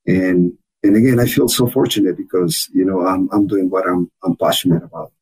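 A man with a heavy Ecuadorian Spanish accent speaks as a guest on a podcast. His voice is dark and slightly husky, earnest, with frequent restarts and repeated words. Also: low-pitched, fairly quick, low-quality recording. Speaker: guest, chamber of commerce officer. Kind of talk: podcast interview.

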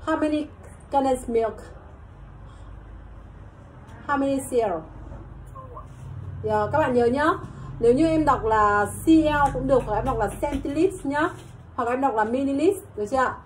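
Woman teacher, high voice, slow repeated questions, faint room ambience. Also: a little hiss or hum, low-quality recording. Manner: asks the class questions and repeats measurements slowly. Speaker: English and bartending teacher. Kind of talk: classroom lesson mixing Vietnamese and English.

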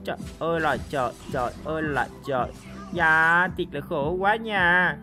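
A man giving excited live commentary over a mobile game he is playing, full of repeated cries and joking boasts to viewers. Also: a little high, moderate pace. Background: game music.

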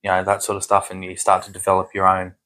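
A man hosting a casual podcast interview, agreeable and halting, nodding along with constant affirmations. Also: sits low, completely flat delivery, pushed and bright. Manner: agreeable, constant "yeah" backchannel, halting restarts. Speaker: podcast host.

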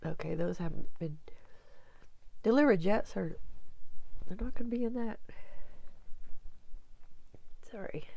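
A woman's voice: mid-range voice, normal speed, vocal fry, dark tone, no room sound, rough recording. A woman chatting casually at home in a vlog, rambling and talking straight to her viewers. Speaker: vlogger.

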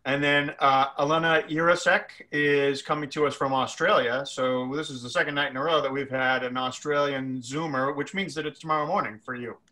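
A middle-aged man hosting a live video-call interview, introducing guests with halting, hesitant phrasing. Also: on the high side, steady tone, bright, forceful tone. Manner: halting, many fillers and restarts. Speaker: festival program director, host. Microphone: webcam on video call.

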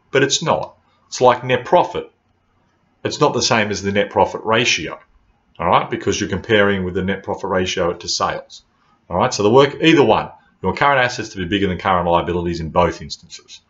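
A man's voice: on the low side, a bit bright. A man in his thirties giving an informal lesson to camera as a teacher, blunt and colloquial, repeating points for emphasis. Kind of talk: informal classroom lecture to camera. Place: small indoor room at home or office. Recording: slightly dull webcam audio.

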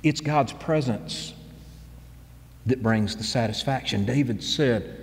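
A man's voice: medium pitch, slow, in a large hall. A man in his fifties, a pastor giving a conversational, earnest sermon from a church stage. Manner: earnest, conversational preaching with repeated phrases.

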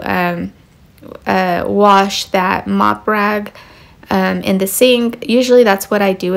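A woman's voice: mid-range voice, vocal fry. A mother narrating her home cleaning in a casual, rambling way with many fillers. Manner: relaxed, rambling, lots of fillers.

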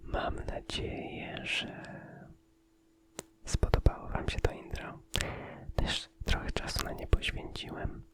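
A man giving a casual ASMR channel update in a soft, unvoiced whisper, phrasing things hesitantly. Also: slow, long pauses.

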